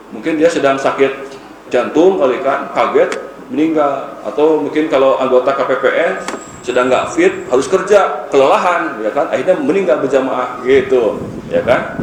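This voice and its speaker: A male preacher gives a loose, joking sermon in a mosque, acting out the voices in his story and turning to the congregation again and again. His voice sits at an ordinary middle pitch. The hall around him is roomy and echoing, with a faint hiss under it. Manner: joking storyteller who often addresses his listeners directly; acts out the dialogue of the people in his story. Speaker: Islamic preacher. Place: mosque, after dawn prayer.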